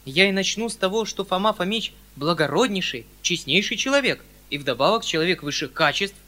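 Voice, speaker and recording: A man voicing a flustered, kindly middle-aged landowner who pleads excitedly with his family. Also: high-pitched, fairly quick, pitched above the performer's own voice. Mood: pleading.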